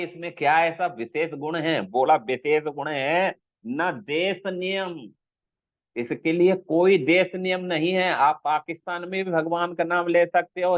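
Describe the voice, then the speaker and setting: Slow, tinny-sounding male spiritual teacher. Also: on the high side, no room sound. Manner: slow, explanatory, checks with listeners; intones Sanskrit verses. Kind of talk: scriptural discourse. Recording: dry, tinny phone-like sound.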